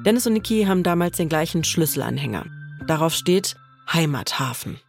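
A woman hosting and narrating a podcast, telling the story in a lively, personal way. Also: low-pitched, fairly quick, gravelly, faint music behind.

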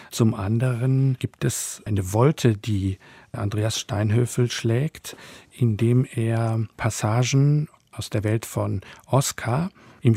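A man speaking as a critic on a radio programme, explaining a book in a measured, deliberate way. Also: medium pitch, vocal fry, dark tone, slightly rough, no echo. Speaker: literary critic guest. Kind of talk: radio interview. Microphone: studio mic.

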